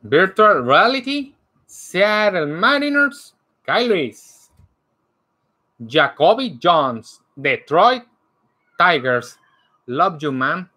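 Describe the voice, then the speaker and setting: A man hosting a card break, announcing each card by player and team in a slow, animated way. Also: high-pitched. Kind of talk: calling out cards during a live card break. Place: indoor room lined with card displays.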